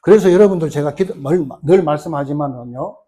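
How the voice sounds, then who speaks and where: A male pastor preaching a sermon in an animated way, firing rhetorical questions at the congregation. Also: fairly high pitch, fairly quick, husky.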